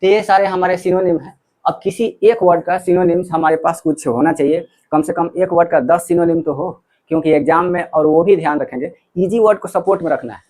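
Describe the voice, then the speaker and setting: A man's voice: a little high, a little fast, a little mellow, rough recording. A man teaching English vocabulary for exams. He mixes Hindi with English, spells words letter by letter and keeps checking in with his students. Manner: repeats words and checks in with "theek hai". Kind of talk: exam-prep lesson.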